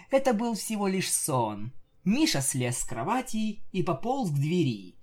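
A man narrating a comic fan fiction story with lively, jokey asides. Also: fairly high pitch. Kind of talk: comic audiobook reading.

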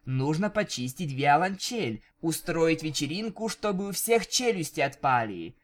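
A man voicing a brash, playful young female unicorn DJ in a fan-fiction audiobook, with quick, teasing, chattering speech. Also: a little high, sing-song, voice pushed up. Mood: rambling.

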